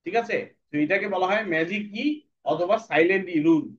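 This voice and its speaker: A man teaching an English phonics lesson, repeating sounds slowly and checking whether the students understand. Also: sits high, a bit bright. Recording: dull lo-fi sound, faint background noise.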